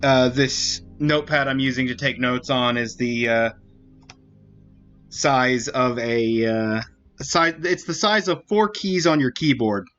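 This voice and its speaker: A man's voice: medium pitch, a little slow, a bit bright, muffled recording, faint music behind. A man streaming a puzzle game, chatting casually in a rambling way and often correcting himself. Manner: rambling, with frequent restarts and self-corrections. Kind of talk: casual commentary while playing.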